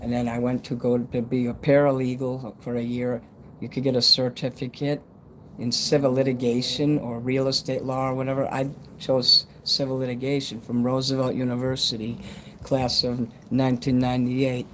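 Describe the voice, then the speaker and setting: A mid-range voice at a moderate pace belongs to a man in his fifties from the United States hosting a casual livestream. He rambles bluntly and swears a lot, his s sounds whistling because of a dental retainer, with steady noise in the background.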